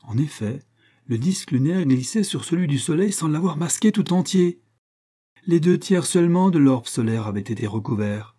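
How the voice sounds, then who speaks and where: A man narrating a classic novel as an audiobook, reading in a measured way, phrase by phrase. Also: on the low side, warm tone, slightly rough. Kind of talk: scripted narration.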